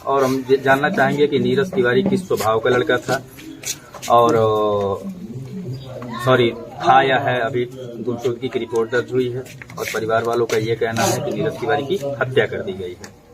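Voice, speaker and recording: A man's voice: mid-range voice, steady tone, moderate pace, crowd noise. A man reporting from a village, politely interviewing locals and closing with a formal appeal.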